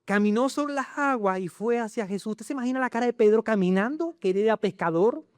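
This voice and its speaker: A Chilean pastor gives an animated sermon in church, hurling rhetorical questions at the congregation. His high voice swings widely in pitch at a slightly fast pace, and the recording is dry, close, clean and echo-free.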